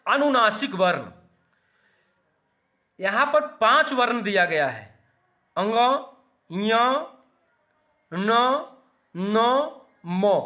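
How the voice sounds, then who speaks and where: A man teaching a grammar lesson, slowly sounding out letters and urging students to practise saying them. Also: high voice, bright, forceful tone. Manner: slow, deliberate, sounding out letters for students to repeat.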